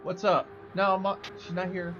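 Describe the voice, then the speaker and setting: A man chatting casually on team voice chat, low-key and trailing off at times. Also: completely flat delivery, moderate pace, music in the background. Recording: lo-fi chat audio with crowd noise.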